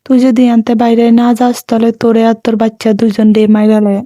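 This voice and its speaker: A woman's voice: a little high, little pitch movement, quick pace, mellow, no echo, studio quality, natural voice. A woman voicing a cruel young husband who talks down with scorn and threats, in a spoken dialect story. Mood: scornful.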